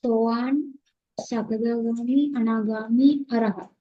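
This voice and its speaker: A woman's voice: on the high side, fairly even intonation, a little slow. A female student giving short, hesitant answers to her tutor. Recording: dull, distant from the mic.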